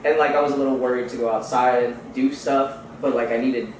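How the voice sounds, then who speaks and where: A man's voice: mid-range voice, steady tone, brisk. Laid-back young man in an echoey room. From Houston, United States. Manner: laid-back, slangy, many fillers. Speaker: podcast guest. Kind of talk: casual interview chat. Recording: echoey room, far from the mic, faint noise.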